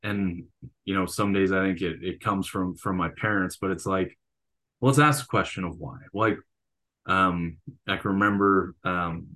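A man's voice: low voice, a little slow, pushed and bright. A man, a football coach and teacher, telling reflective stories in a casual interview. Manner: reflective, storytelling.

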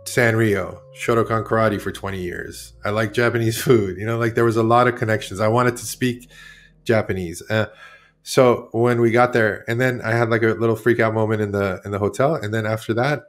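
Rambling, candid man, low voice. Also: steady tone, a little fast. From Iran. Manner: rambling, candid, self-correcting. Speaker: artist guest. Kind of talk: casual interview talk.

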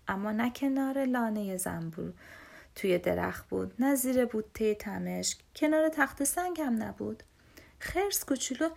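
A woman reading a children's storybook aloud in a soft, often whispered voice. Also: fairly high pitch, vocal fry.

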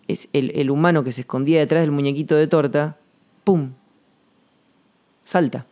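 Rioplatense guy musing out loud on his podcast, kinda high voice, soft and mellow, lots of pauses. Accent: Rioplatense Spanish. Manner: rambling, slangy, thinking aloud with pauses. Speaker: podcast host. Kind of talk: reflective solo monologue.

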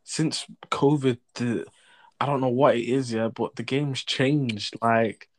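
A young man speaks in a London roadman accent with a medium-pitched voice. He banters casually in thick slang, often repeating himself as he protests. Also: fairly even intonation, slow pace, a little hiss or hum. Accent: London, urban roadman slang style. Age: young adult.

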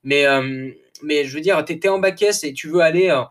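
A man hosts a solo podcast in a casual, slangy way, speaking straight to his listeners. His voice sits a little on the high side. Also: moderate pace, a bit bright. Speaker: podcast host.

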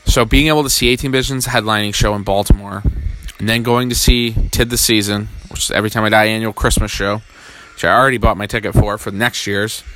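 Fast-talking profane excited man. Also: on the low side, a little hiss or hum. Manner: fast, profane, rambling with restarts. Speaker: music fan recapping concerts. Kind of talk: excited casual rant.

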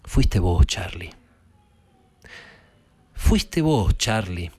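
Man reading lines as a washed-up young boxer, bitter and accusing, Argentine accent, lively pitch, dry sound. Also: slow pace, husky, no room sound, exaggerated voice. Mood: quiet accusing. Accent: Argentine Spanish. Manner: hurt, accusing, rising to outburst.

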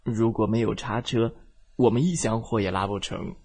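A man's voice: fairly low pitch, steady tone, moderate pace, a little mellow, slightly rough. A man voicing a proud little male truck, a competitive child, in a bedtime storybook, lifting his voice to boast. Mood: ashamed.

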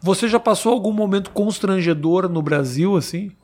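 A man's voice: sits high, normal speed, a little mellow. A man interviewing a guest in a joking, teasing chat. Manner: teasing, playful.

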